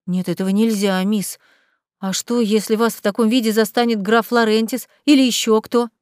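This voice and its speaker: A woman voicing an excitable, chatty young female maid in a storybook reading, breathless and exclaiming. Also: fairly high pitch, normal speed, dry recording, clean studio sound, lightly acted. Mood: eager.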